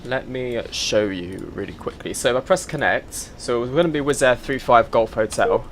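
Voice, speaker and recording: Over a little hiss or hum, a flight sim streamer talks at normal speed in a mid-range voice. He casually greets viewers by name on his live stream while fixing his setup, coughing slightly and sounding a bit stuffed up.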